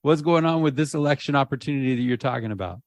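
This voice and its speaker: A man co-hosting a podcast, relaxed, slowly laying out context before a question. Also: mid-range voice, no room sound. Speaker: podcast co-host. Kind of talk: casual interview chat.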